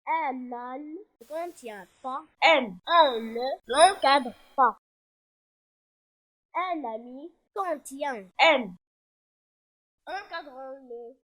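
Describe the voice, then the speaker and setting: A woman giving a primary-school phonics lesson, with slow, clear, repeated instructions for children. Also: high voice, fairly bright tone. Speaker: teacher.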